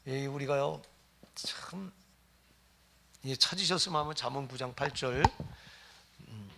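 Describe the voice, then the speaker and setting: A man's voice: medium pitch, a little slow, creaky, noisy background. A middle-aged man preaching a sermon as pastor, emphatic and firing rhetorical questions at the congregation.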